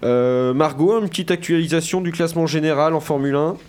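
A man's voice: fairly high pitch, fairly quick, a little mellow. A man presenting a sports segment in a casual group chat, hesitant and often correcting himself. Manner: hesitant, many fillers and restarts, self-correcting.

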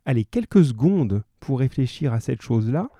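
A male teacher reads a novel aloud and then talks a remote class through it. He is chatty and stops often to correct himself. His voice is dark and mellow, and the sound is dry. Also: medium pitch, big pitch swings, moderate pace, dry recording. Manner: chatty, with hesitations and self-corrections.

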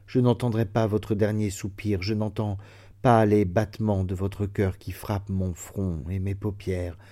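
A man reading the part of a young deaf woman, bitter and despairing, in a soft, sorrowful, measured voice for an audiobook of classic fiction. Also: on the low side, level tone, lightly acted.

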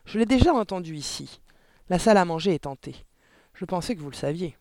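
A man's voice: high-pitched, lively intonation, brisk, a little mellow, voice pushed up. A man voicing a clever, mischievous little girl who plays innocent. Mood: sly.

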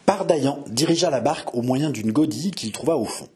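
A man's voice: medium pitch, lively intonation, fairly quick, music in the background. A man reading an adventure novel aloud in a dramatic narrating style. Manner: dramatic, builds intensity. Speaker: audiobook narrator.

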